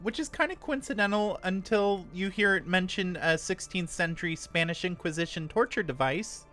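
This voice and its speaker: A woman's voice: lowish voice, moderate pace, a bit bright, faint music behind. A woman giving a casual, candid voice-over narration as host of a ghost-hunting vlog.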